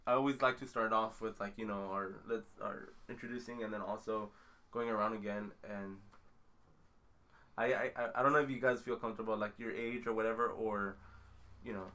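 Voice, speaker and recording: A man's voice: fairly low pitch, steady tone, brisk, bright, forceful tone. A man in his twenties hosting a casual podcast chat, rambling with many fillers and frequent laughs while drinking. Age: 20s. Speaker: podcast host.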